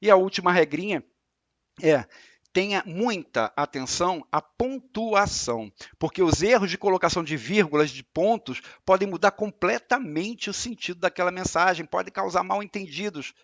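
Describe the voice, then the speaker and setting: Higher-voiced Brazilian man giving a spiritual lecture. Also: normal speed, no room sound, muffled recording. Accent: Brazilian Portuguese. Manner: calm explanatory teaching, repeats points with examples. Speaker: religious lecturer.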